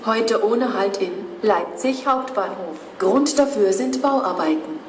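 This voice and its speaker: A woman giving flat, formulaic automated railway platform announcements in separate phrases over a station loudspeaker. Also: medium pitch, takes it slowly. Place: train station concourse or platform. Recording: echoey station loudspeaker from far off, noisy. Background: station ambience noise.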